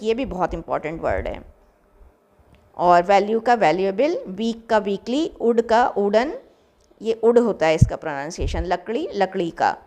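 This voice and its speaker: A woman's voice: medium pitch, a little mellow. A young adult woman with an Indian accent, teaching vocabulary and reading out word pairs with encouraging asides. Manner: reads word pairs aloud, gives Hindi meanings. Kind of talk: vocabulary lecture.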